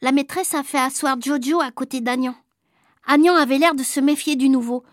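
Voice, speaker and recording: High-voiced woman reading a children's story. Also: fairly quick, dry recording, clean studio sound. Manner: lively, childlike first-person telling. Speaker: audiobook reader. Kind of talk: storybook narration.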